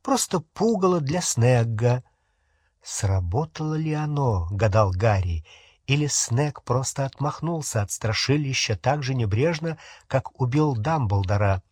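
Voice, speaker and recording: A man reading a novel aloud as an audiobook narrator, in steady scripted storytelling. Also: mid-range voice, a little slow, breathy edge, dry recording, studio quality.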